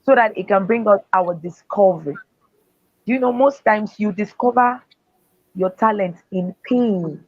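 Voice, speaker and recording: A woman who is a speaker and author gives earnest, faith-driven motivational answers in an interview. Her mid-range voice is unhurried, and the recording is dull, dry and lo-fi with no room sound.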